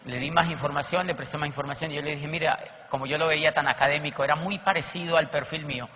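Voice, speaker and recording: A man, a network marketing speaker, telling animated seminar stories and acting out the people he quotes. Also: on the high side, fast. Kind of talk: motivational seminar storytelling. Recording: echoey hall, dull lo-fi, faint noise.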